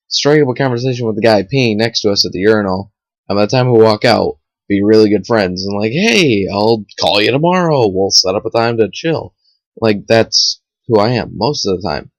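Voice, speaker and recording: A man's voice: lowish voice, darkish tone, dry recording. A young man talking casually to camera, rambling and chatty with lots of fillers and restarts. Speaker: vlogger. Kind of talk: casual motivational talk to camera. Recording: dull lo-fi home webcam audio.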